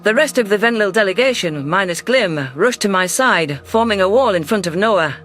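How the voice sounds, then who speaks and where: A man with a fairly high voice narrates a science-fiction audiobook from a script, reading in a steady, measured way. Faint music sits beneath his narration.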